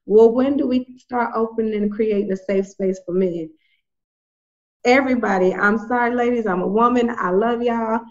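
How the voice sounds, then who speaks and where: A woman's voice: fairly high pitch, normal speed, a little mellow. Woman speaking emphatically, slightly dull recording. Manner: emphatic, colloquial. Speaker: organization representative, guest. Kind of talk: conversational talk, impassioned advocacy.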